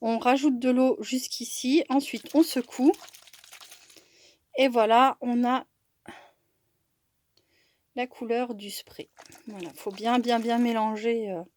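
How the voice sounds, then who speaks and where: A woman talks slowly and unhurriedly as she shows off craft supplies in a casual haul video. Her voice sits a little high, and she hesitates often, circling back and restarting her sentences. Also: steady tone, darkish tone. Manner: slow and hesitant, many fillers and restarts. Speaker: crafting vlogger. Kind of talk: casual product haul chat.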